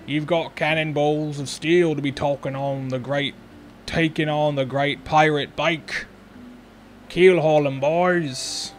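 A man's voice: fairly high pitch, steady tone, slow pace, soft background music. A man voicing a boastful old pirate captain in a hammy pirate drawl, reading game dialogue aloud.

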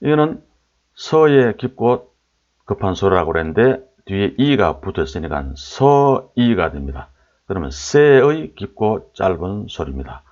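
A man with a very low voice lectures with a lively, swooping delivery. He sounds out sample syllables again and again and puts questions to his listeners. The recording is dull and lo-fi. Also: a little slow. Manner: repeats sample syllables aloud, asks rhetorical questions. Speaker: lecturer on old Korean pronunciation. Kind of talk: explanatory lecture.

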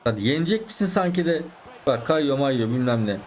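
A man's voice: mid-range voice, lively intonation, quick pace, a little hiss or hum. A man with a sore throat, commentating his own soccer gameplay and getting frustrated and swearing at the opponent and the game. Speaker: gaming YouTuber.

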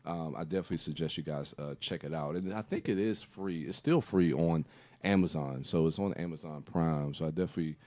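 A podcast co-host with a bass, slightly mellow voice delivers a rambling, casual film review at a fairly quick clip, full of fillers and restarts. He coughs slightly while recovering from a cold, and there's no echo.

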